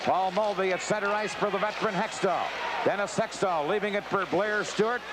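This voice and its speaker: Male hockey play-by-play caller, high voice, clipped and excitable delivery, heavy noise on an old arena broadcast. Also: a little fast. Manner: clipped running call, rising to excited shouts on chances and goals. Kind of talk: live sports commentary. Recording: very noisy vintage TV sports broadcast.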